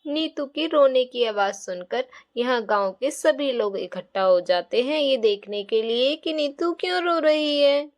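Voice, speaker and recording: Woman, storyteller, children's story narration, very high pitch. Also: lively intonation, unhurried, few pauses. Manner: plain storytelling.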